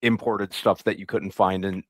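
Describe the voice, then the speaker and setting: A man's voice: low voice, flat delivery, moderate pace, a bit bright, no room sound, clean studio sound. A man chatting casually on a show, telling easygoing stories. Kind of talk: casual chat.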